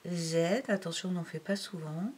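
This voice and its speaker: A woman's voice: on the low side, steady tone, darkish tone, breathy edge. A woman teaching handwriting to a young pupil, talking through each stroke step by step and counting aloud, sometimes dropping to a near-whisper. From France. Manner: slow, counting aloud while writing, drops to near-whisper. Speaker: primary school teacher.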